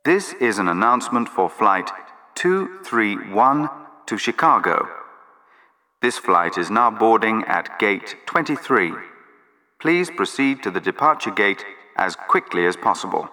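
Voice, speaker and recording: A man reading scripted airport announcements in a formal, measured public-address manner for a listening exercise. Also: on the low side, sing-song, pushed and bright, big-room sound.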